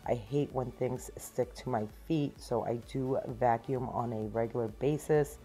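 A woman's voice: a bass voice, measured pace, warm tone, soft background music. A woman in her thirties narrating her own cleaning video at home, upbeat and explaining each step plainly. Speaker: cleaning vlogger. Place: small home, living room and pantry.

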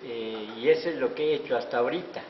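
An older man from Oaxaca, Mexico, whose first language is Zapotec, modestly tells his story as an interviewee and artisan promoter, talking fast at medium pitch into a handheld mic. He's indoors in a wood-paneled auditorium hallway, and the echoey hall yields dull lo-fi sound with hiss.

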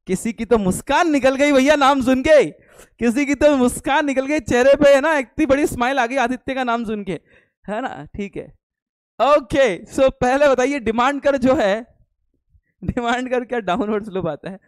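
A young man with a very high, smooth voice teaches an online commerce class live at a moderate pace, with no room sound. He's playful and teasing, quizzing students, answering his own questions, and slipping English phrases into his talk. It's a live online lecture with jokes.

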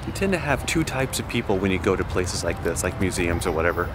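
A man's voice: low-pitched, lively intonation, fast talker, noisy background. A man in his forties vlogging casually outdoors, wry and blunt, with the camera held at arm's length. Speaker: travel vlogger. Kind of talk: casual travel vlog chat. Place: outdoors in a parking lot and in a truck.

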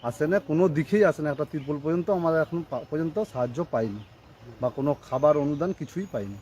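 A man's voice: on the high side, fairly quick, darkish tone, a little hiss or hum. A man, a local shopkeeper, interviewed outdoors, complaining plainly about hardship. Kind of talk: street interview. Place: outdoors in a flooded village.

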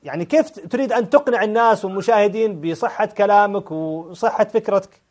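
A male call-in host with a high voice speaks fast and presses callers hard. He repeats their names to cut in and fires off pointed questions. His delivery stays rapid and insistent. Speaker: talk show host. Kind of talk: live call-in debate.

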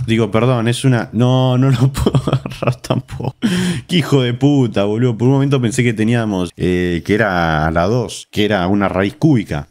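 A man with an Argentine accent chats over his own gameplay in a somewhat low voice. He jokes, swears freely and keeps turning to his viewers to talk to them directly. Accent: Argentine Spanish. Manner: crude, joking, quick to swear and laugh; chatty, often addresses viewers directly. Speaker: gaming streamer. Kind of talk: live gameplay commentary.

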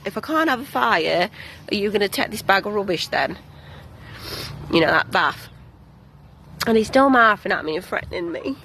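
A woman's voice: mid-range voice, a bit bright, a little hiss or hum. A woman vlogging about home life, telling a story in a blunt, down-to-earth way. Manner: blunt, recounting a row. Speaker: home-educating mum vlogger. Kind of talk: casual vlog storytelling.

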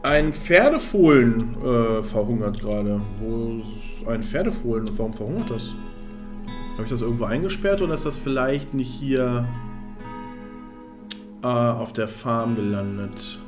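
A man's voice: mid-range voice, lively intonation, measured pace, music in the background. A man streaming a strategy game, thinking aloud, counting under his breath and chatting to his viewers. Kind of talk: casual live-stream gameplay commentary.

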